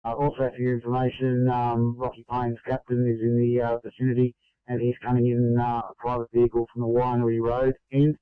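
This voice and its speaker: A man's voice: mid-range voice, completely flat delivery, brisk, smooth, dry recording. A man passing emergency service messages over two-way radio in a matter-of-fact, slightly hesitant way. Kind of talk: ambulance and fire radio traffic. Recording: muffled, band-limited two-way radio.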